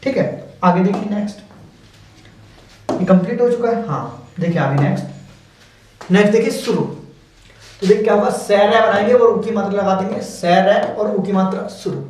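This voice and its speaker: A man's voice: high-pitched, moderate pace, long pauses, a little mellow, a little hiss or hum. A man teaching shorthand step by step, explaining patiently and repeating each word as he goes. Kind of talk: step-by-step stenography lesson. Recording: very echoey room, mic far off.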